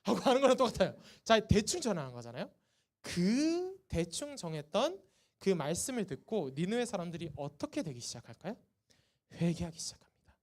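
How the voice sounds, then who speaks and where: A woman's voice: medium pitch, very animated, a little fast, darkish tone. A woman preaching to a youth group at a church service. She keeps asking the students questions and then answers them herself. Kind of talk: sermon to teenagers.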